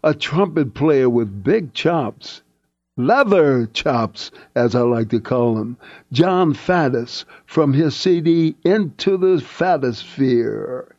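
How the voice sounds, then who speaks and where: Man, jazz radio DJ, slow easygoing patter, AM radio broadcast, dull lo-fi sound. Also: mid-range voice, expressive, a little mellow, dry recording. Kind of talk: radio DJ announcing tracks.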